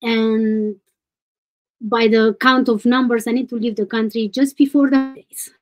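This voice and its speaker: Woman, 30s, fairly high voice, hesitant detailed account, webcam video call. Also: fairly even intonation, measured pace, rough recording. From Romania. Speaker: caller. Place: home room.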